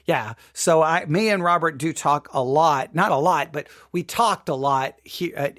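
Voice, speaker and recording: With a voice on the high side, this man hosts a podcast and shares personal commentary in an informal, emphatic way. He tends to repeat phrases for emphasis, and the clean studio sound has no echo.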